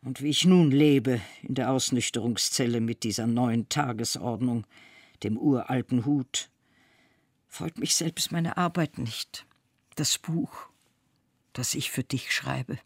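A man giving a measured, expressive scripted literary reading. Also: medium pitch, no echo. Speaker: reader.

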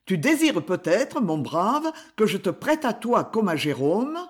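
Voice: mid-range voice, sing-song, measured pace. An audiobook reader voicing a sly, evasive old boatman who talks in a plaintive, wheedling way in a storybook reading.

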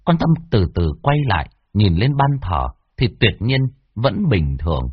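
A man with a husky voice narrating a horror story, expressive with wide swings in pitch. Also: a little slow, no room sound. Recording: dull lo-fi dry recording.

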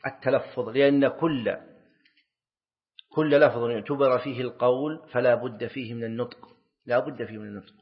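A man teaching a class in a steady mid-range voice. He quizzes his listeners and repeats key phrases. The recording is dull and lo-fi. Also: mid-range voice, normal speed. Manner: asks the class questions and answers them himself, repeats key phrases. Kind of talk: classroom lecture.

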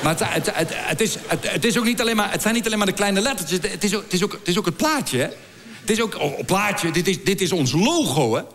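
A middle-aged man doing a stand-up comedy routine for a live audience. He stammers and repeats words as he builds crude, deadpan jokes. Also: sits high, fairly quick, crowd noise.

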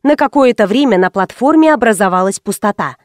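A woman narrating an audiobook in the first person, wry and expressive. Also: medium pitch, brisk, dry recording, clean studio sound.

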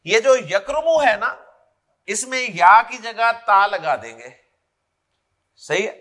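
A man's voice: high voice, expressive, bright, forceful tone. A man with a Pakistani Urdu accent teaching Arabic grammar as a lecture, drilling word forms aloud and often checking that students follow. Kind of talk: classroom lecture.

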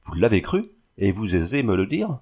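A man's voice: on the low side, big pitch swings, normal speed, darkish tone, breathy edge, exaggerated voice. A man reading the lines of a proud, wounded young woman, speaking with bitter pride.

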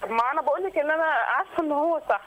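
A woman's voice: high-pitched, lively intonation, very fast, fairly bright tone, poor audio. A weary, distressed woman in her thirties with an Egyptian accent, calling in to describe her troubles, hesitant and full of fillers and restarts. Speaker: caller. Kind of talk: call-in confession.

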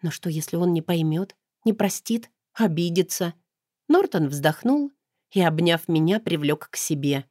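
Woman reading an audiobook in first person, even and smooth, very dry close sound. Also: lowish voice, unhurried, dry recording. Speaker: audiobook narrator.

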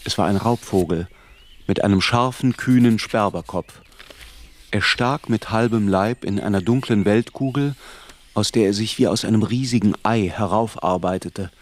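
This is an actor voicing a reflective narrator who recalls his younger years in measured, literary first-person prose. He speaks in a natural voice with a fairly low pitch.

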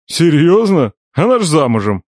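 A man's voice: fairly high pitch, sing-song, normal speed, darkish tone, no echo, studio quality, pitched above the performer's own voice. A man doing a grumbling, bossy uncle. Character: gruff middle-aged man, a grumbling boss uncle. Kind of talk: audiobook character voice.

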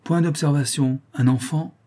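A man's voice: on the high side, moderate pace, dark tone, slightly rough, voice pushed up. A man reading an audiobook, voicing an elderly aristocratic aunt who speaks harshly. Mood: stern. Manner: harsh, then tearful.

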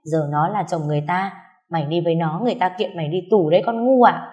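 A woman voicing a blunt, foul-mouthed young woman who loudly scolds her friend. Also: lowish voice, quick pace, close to an everyday voice. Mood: scolding. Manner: scolding, harsh and loud.

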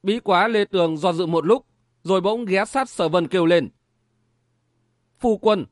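High-voiced male story narrator. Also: normal speed, no room sound, clean studio sound. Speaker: audiobook narrator.

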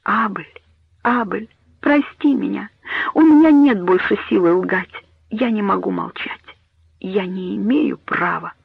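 A man reading a storybook voices a dying mother who speaks in grave, hushed, imploring tones. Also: sits high, measured pace, vocal fry, husky, no echo, exaggerated voice. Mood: anguished. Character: dying mother hiding a grim secret. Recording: tinny phone-like dry audio.

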